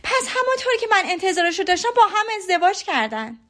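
A woman voicing an excitable young sister in an audiobook, speaking in breathless, rushed exclamations. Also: on the high side, slightly rough. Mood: excited. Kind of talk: audiobook character voice.

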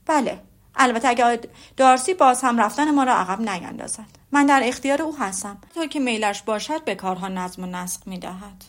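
Courteous gentleman officer, frank and measured, read by a woman in her own fairly high voice. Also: animated, lightly acted. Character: polite gentlemanly younger-son army officer.

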